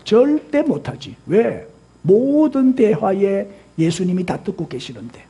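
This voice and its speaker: Male pastor, emphatic sermon voice, strongly raspy and high. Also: sing-song, measured pace, mellow. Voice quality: husky. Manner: emphatic, asks the congregation rhetorical questions. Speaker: senior pastor.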